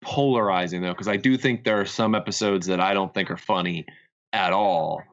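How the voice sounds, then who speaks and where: A man co-hosting a gaming podcast in casual chat, talking quickly and bluntly, with casual cursing. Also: sits low, lo-fi sound. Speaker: podcast co-host.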